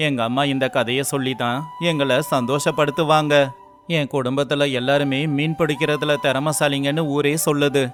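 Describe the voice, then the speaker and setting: A man voicing a poor young fisherman, earnest and emotional, in a mid-pitched, natural voice. He is kind at heart and heavy with hardship. The tone belongs to a storybook tale. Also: flat delivery, moderate pace, a bit bright, soft background music, natural voice. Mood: despairing.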